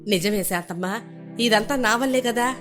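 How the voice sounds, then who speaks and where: A woman voicing a thrifty, sharp-tongued older mother-in-law in an animated family story. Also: on the high side, moderate pace, over music, natural voice. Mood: reflective.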